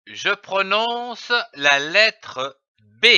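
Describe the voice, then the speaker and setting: Slow, bright-voiced man teaching phonics. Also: high voice, very animated, clean tone, dry recording. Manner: spells letters and syllables one by one, with long pauses. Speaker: reading teacher. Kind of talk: slow, careful phonics lesson narration. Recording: dull, lo-fi dry voice-over.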